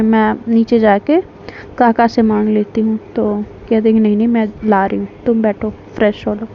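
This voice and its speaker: A woman telling a love story in a relaxed, chatty manner, reading the characters' lines in her own voice rather than acting them out. Her voice sits a little high, and the recording is dull and lo-fi with a faint hiss underneath. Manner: retells dialogue in plain narration voice, with fillers. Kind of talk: casual spoken storytelling.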